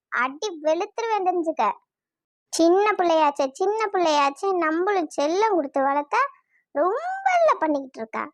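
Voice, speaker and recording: A voice actor doing a high, bright scolding cartoon mum. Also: dry recording, full character voice. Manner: scolding, exasperated. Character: scolding adult cartoon mother, quick-tempered. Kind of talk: cartoon voice acting.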